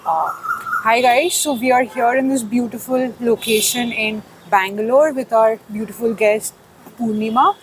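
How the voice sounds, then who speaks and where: A woman's voice: a little high, steady tone, unhurried, noisy background. A woman hosting an interview, asking questions in an upbeat way. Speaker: interviewer host.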